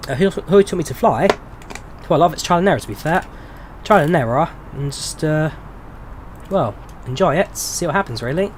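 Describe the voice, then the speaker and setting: With slight background noise behind him, a fairly high-voiced man speaks at a moderate pace as he streams flight sims. He's a twenty-something from England with an English accent, easygoing and talkative, answering viewers' questions with frequent ums.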